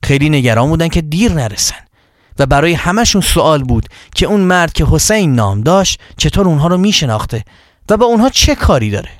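A male storyteller telling a religious story to children in an expressive narrating voice. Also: fairly high pitch, no room sound, studio quality.

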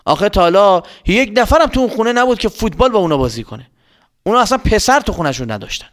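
A man narrating a children's story, expressive and speaking to the kids directly. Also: high-pitched. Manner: lively, expressive, addressing children.

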